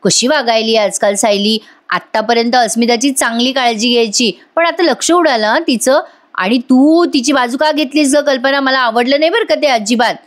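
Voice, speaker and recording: A sly middle-aged husband who likes to tease his wife, voiced by a woman reading his lines aloud. The delivery stays close to a plain retelling, with a fairly high voice. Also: normal speed, close to an everyday voice. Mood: teasing.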